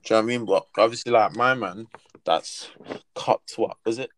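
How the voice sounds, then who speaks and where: A man's voice: lowish voice, a little fast, a bit bright, no room sound. A young man with a London roadman accent and street slang, casually talking things over in a group.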